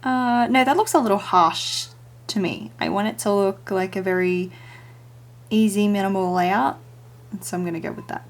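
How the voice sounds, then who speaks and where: Woman vlogger, hushed and half-whispered, croaky morning voice with plenty of fry, chatting casually in her small studio. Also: medium pitch, moderate pace. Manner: talking quietly, half-whispering. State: groggy early-morning voice. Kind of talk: casual chat while working.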